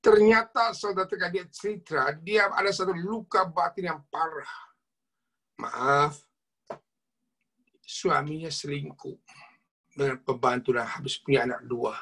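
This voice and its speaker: A man's voice: a little high, fairly even intonation, measured pace, long pauses, pushed and bright, slightly rough. A man preaching at an online prayer meeting, telling a long story and often addressing his listeners directly. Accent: Indonesian. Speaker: lay preacher. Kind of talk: sermon with storytelling.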